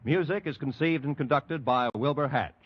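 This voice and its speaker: A man announces a radio program's cast and sign-off in a measured, formal tone. The old broadcast sounds muffled and dull. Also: medium pitch, loud music behind the voice.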